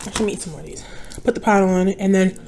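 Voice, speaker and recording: A young woman talking casually while she eats on camera, easygoing and rambling, her voice sitting at an ordinary middle pitch. A faint noise hums behind her, with small clicks here and there. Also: quick pace, creaky, mellow. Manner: rambling, chatty, addresses viewers as y'all. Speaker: mukbang vlogger. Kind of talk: casual chat while eating.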